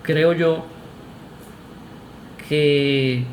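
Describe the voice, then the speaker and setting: A man's voice: a little high, steady tone, very slow, slight background noise. Argumentative Venezuelan man in echoey room. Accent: Venezuelan Spanish. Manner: argumentative, emphatic, with filler "este" and restarts. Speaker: vlogger. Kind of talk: opinion monologue to camera.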